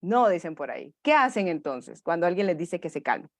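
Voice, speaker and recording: A woman's voice: lowish voice, sing-song, brisk, no room sound, clean studio sound. A woman neuropsychologist gives a live parenting workshop. She keeps checking in with her listeners and acts out what parents and children say in a livelier voice. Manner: checks in with the audience through repeated tag questions.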